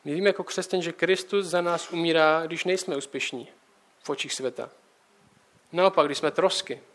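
High-voiced young man preaching casually. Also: a bit bright. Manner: conversational, direct address with rhetorical questions.

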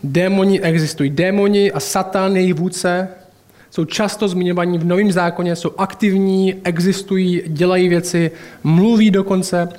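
A man's voice: sits high, steady tone, a little mellow. A man preaching a sermon in a colloquial, chatty way, mixing in personal anecdotes and asides.

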